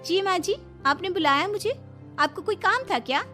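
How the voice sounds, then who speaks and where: A proud young daughter-in-law with a sneering, high voice looks down on everyone around her, as a woman puts her on. She sounds snappy and superior in this cartoon story, with faint music under her. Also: animated, moderate pace, bright, forceful tone, full character voice. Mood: sweetly false. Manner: sneering, haughty.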